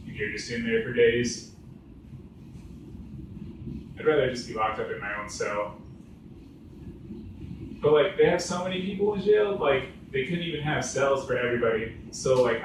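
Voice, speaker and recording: At an open mic, a male stand-up comedian rambles through a story packed with "like"s and other fillers. His medium-pitched voice is picked up from far away in a very echoey venue, with faint background ambience.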